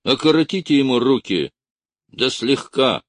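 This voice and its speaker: A man voicing a calm, mocking gendarme captain giving orders. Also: on the low side, slow pace, slightly rough, dry recording, studio quality, exaggerated voice. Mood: commanding. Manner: unruffled, sardonic.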